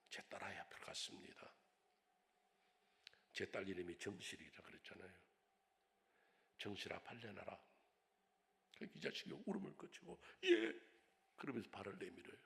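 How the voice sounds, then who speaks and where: An older man preaching a revival sermon as a pastor, telling stories dramatically and swinging from hushed whispers to loud cries. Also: low-pitched, creaky. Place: church sanctuary. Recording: long hall reverb in a church.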